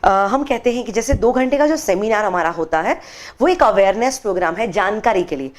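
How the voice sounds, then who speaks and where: A woman's voice: mid-range voice, fairly quick. A woman trainer speaking in a studio TV interview, explaining her workshops and telling a story expressively, voicing the characters in it. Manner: expressive, acts out quoted voices while telling a story. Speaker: meditation workshop trainer, guest.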